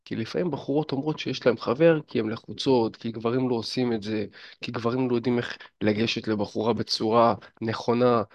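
A man's voice: medium pitch, steady tone, no room sound, muffled recording. A man giving casual dating and fitness advice straight to the listener, chatty and full of fillers. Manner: chatty, addresses listener directly, many fillers. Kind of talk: casual advice monologue to camera.

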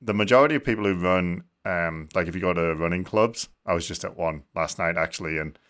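A man's voice: sits low, brisk, fairly bright tone. A man hosting a podcast, chatty and curious, laughing easily while asking questions. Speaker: podcast host. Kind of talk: casual podcast interview.

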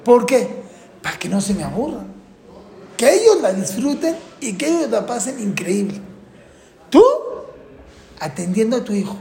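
An older man giving a lively, teasing religious talk to parents and acting out little scenes. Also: high voice, moderate pace, vocal fry, long pauses. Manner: animated, teasing, acts out scenes. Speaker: religious teacher. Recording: echoey room.

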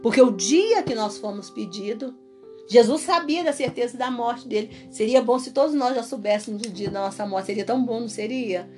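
A woman with a high voice preaching in a conversation, emphatic, repetitive and full of rhetorical questions. Soft music plays faintly behind her. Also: brisk. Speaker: preacher leading a religious talk.

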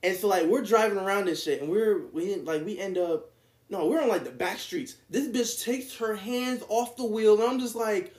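A young man with a high-pitched voice tells a rambling story, scattering "like" everywhere and slipping into the voices of the people in it. The sound carries a noticeable echo from the room around him. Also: normal speed. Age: young adult. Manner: rambling, animated storytelling with lots of "like" and acted-out quotes. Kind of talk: casual storytelling chat.

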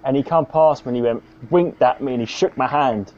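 A man's voice: mid-range voice, brisk, darkish tone. A man, a stand-up comedian telling a sweary, rambling anecdote on a podcast. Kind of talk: casual storytelling. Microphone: video call. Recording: dull lo-fi video call audio.

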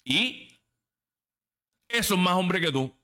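A man in his thirties hosts a casual podcast, speaking straight to his listeners in a laid-back livestream chat. His high voice is bright, forceful and animated, yet he speaks slowly. He's blunt, emphatic and swears freely.

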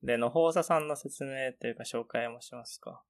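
A man's voice: medium pitch, brisk, gravelly. A young man co-hosting a podcast, chatting politely and reading out listener messages. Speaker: podcast co-host. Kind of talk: casual chat.

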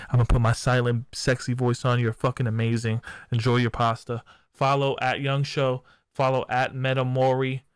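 A man's voice: mid-range voice, clear, resonant tone. Hyped slangy male stream host. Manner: hyped slangy banter, swears freely. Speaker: podcast host. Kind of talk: casual live-stream chat.

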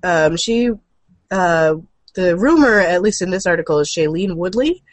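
Here the co-host of a gaming and comics news show talks informally about comics, movies and cartoons, slipping in wry jokes throughout. The pitch sits at medium with lively intonation and a normal speed, captured in a dry recording.

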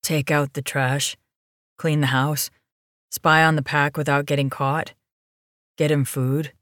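A woman's voice: deep voice, flat delivery, slow, a bit bright, dry recording, studio quality. A woman voicing a shy, underfed young male werewolf who speaks meekly and hesitantly. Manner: meek and hesitant.

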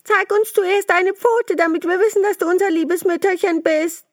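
A chorus of tiny goat kids in a storybook reading squeak out in high, childlike voices, as a woman puts them on. They come through louder than the narration, bright and insistent. The sound is dry and close. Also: fairly even intonation, moderate pace, dry recording. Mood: pleading.

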